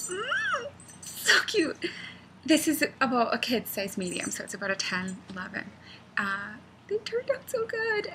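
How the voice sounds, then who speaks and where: A woman's voice: on the high side, vocal fry, slight background noise, rough recording. A woman giving a casual knitting and felting tutorial at home, rambling and chatty, with frequent laughs. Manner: rambling, chatty, goes off on tangents; animated, laughs often. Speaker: knitting pattern designer.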